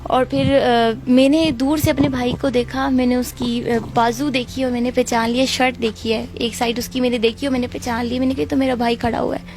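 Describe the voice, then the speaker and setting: A young woman with a Pakistani Urdu accent, giving an interview and telling of her ordeal in an earnest, steady way. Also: a little high, hardly any pauses. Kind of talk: emotional personal account.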